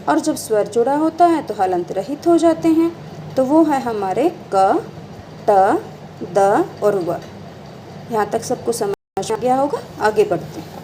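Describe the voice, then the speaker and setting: A woman's voice: on the high side, dark tone, a little hiss or hum, low-quality recording. A woman teacher, patiently explaining a lesson, often asking a question and then answering it herself. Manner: patient, calls students beta, asks and answers her own questions. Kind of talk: classroom lesson explaining exercises.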